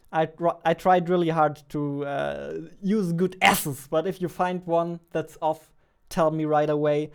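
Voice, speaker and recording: A young indie game developer vlogs from his computer desk indoors, thinking aloud in a joking, self-mocking work-along commentary. His voice is smooth and a little high.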